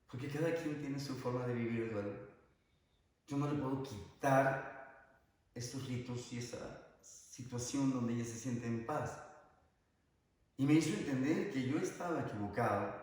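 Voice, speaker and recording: A man's voice: mid-range voice, a little mellow. A man, a priest giving an earnest, emphatic sermon told through stories. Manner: earnest, emphatic storytelling preacher. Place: church. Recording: very echoey church hall, mic far off.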